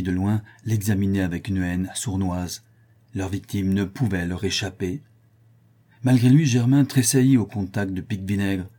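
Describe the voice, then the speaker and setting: A man's voice: lowish voice, warm tone, slightly rough. A man narrating a classic novel as an audiobook, animatedly voicing the dialogue. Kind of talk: scripted narration.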